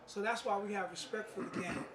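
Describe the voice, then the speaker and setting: A playwright and martial arts master, this street-wise New man sounds distant in the room, his high voice fairly even in intonation and a little fast against background noise. He's giving an informal spoken interview and presentation at an indoor play-reading gathering, captured on a distant mic in a roomy space with people around.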